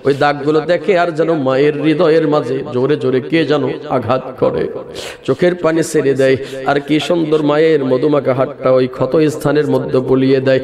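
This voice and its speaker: A man's voice: on the high side, fairly even intonation, normal speed, a crowd in the background. A man preaching in a chanted sermon, impassioned and sing-song, calling out to his listeners. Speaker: preacher at a religious gathering.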